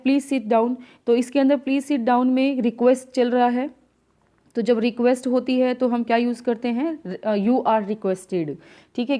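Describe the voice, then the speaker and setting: A woman teacher, explaining answers to an English exam step by step, reading the English questions out slowly. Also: a little high, dull audio. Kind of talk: exam answer key lesson.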